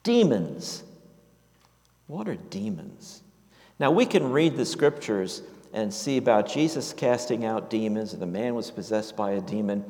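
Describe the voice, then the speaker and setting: Low-voiced pastor preaching in a reverberant hall. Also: male voice, sing-song, a little mellow. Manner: halting, with many fillers and restarts. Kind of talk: sermon. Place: church.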